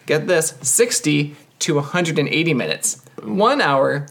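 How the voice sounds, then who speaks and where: A man's voice: fairly high pitch, expressive, measured pace, creaky, a bit bright. A man co-hosting a board game podcast, upbeat and teasing. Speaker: podcast co-host. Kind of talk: casual board game chat.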